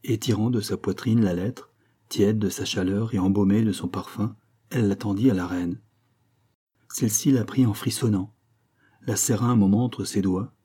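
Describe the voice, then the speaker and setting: A male audiobook narrator reading a classic novel with measured, dramatic delivery. His voice sits low and sounds husky, with a dark, mellow color.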